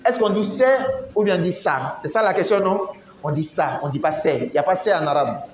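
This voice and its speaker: A man giving a religious lesson to a class, explaining slowly, asking them questions and reciting Arabic phrases. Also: expressive. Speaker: religious teacher. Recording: echoey room, faint rumble.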